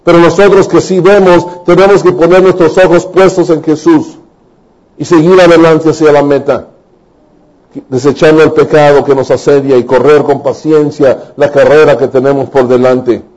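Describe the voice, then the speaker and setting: A man preaching a sermon, telling Bible stories in an animated way and acting out the voices. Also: fairly high pitch, moderate pace, highs cut off.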